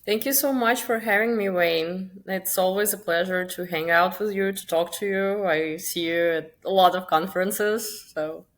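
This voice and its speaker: A woman's voice: mid-range voice, normal speed, hardly any pauses. A woman in her late twenties or thirties with a Russian accent, chatting as an interview guest and filling her talk with "like" and "um". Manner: chatty, many fillers like "like" and "um". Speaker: guest, crypto marketing founder.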